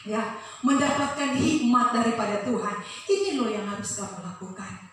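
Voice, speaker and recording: A middle-aged woman preaching a sermon, emphatic, breaking into sung phrases and high cries. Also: animated, moderate pace, fairly bright tone, a little hiss or hum. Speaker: preacher, pastor's wife. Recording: echoey room, from a distance.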